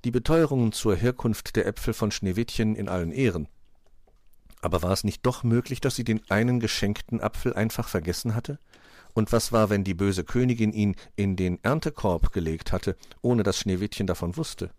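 A man narrating a children's fairy-tale audiobook in an expressive storytelling manner. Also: on the low side, moderate pace, dry recording, clean studio sound.

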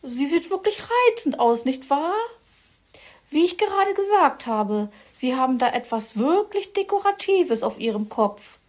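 A woman's voice: high-pitched, animated, a little slow, voice pushed up. Woman doing a vain prim magpie lady. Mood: affected. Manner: prim, affected, fussy. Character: vain chatty female magpie, fussy about style.

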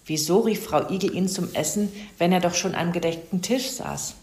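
Woman storyteller, lower voice, roomy echo, calm children's story read. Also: moderate pace.

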